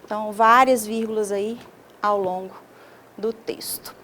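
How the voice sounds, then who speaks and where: A woman's voice: medium pitch, fairly even intonation, a little slow, a bit bright, slight background noise. A woman, a teacher explaining a video lesson step by step and checking in often with her students. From Brazil.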